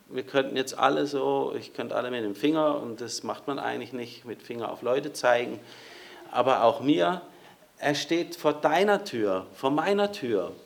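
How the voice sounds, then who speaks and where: A man's voice: mid-range voice, creaky. Man preaching in a conversational tone. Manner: conversational preaching with direct address. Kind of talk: sermon.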